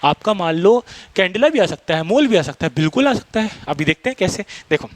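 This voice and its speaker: Fast-talking physics teacher, dry sound. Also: male voice, high voice, big pitch swings, no echo. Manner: fast-talking, quizzes students, mixes Hindi and English terms. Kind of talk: classroom lecture.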